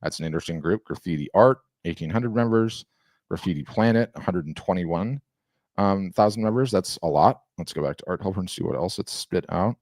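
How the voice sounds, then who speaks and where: Deep-voiced man demoing software. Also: a little fast, dry recording, clean studio sound. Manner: enthusiastic, rambling with restarts. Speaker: software demo host. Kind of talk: casual screen-share demo.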